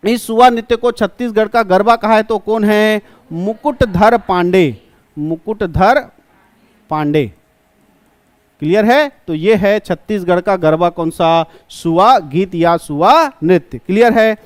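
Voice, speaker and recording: A male coaching class teacher, giving an exam-prep lecture. He asks a question, answers it himself, and repeats key terms slowly. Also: high-pitched, no echo.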